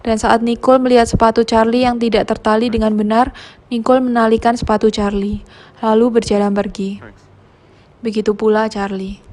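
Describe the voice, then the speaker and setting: A woman retelling a film plot as a recap narrator in a plain, steady way. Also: a little high, brisk. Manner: plain, steady retelling with a brief casual aside at the end.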